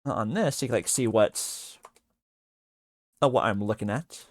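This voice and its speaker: Halting, mumbling male streamer. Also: lowish voice, dry recording, clean studio sound. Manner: halting, many fillers, trailing off mid-sentence. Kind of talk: casual livestream chat while working on 3D art.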